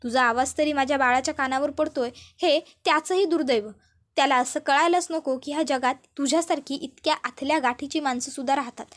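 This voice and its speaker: A woman's voice: sits high, fairly quick, fairly bright tone. A woman voicing a bitter young mother who scolds her former best friend with contempt. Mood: contemptuous.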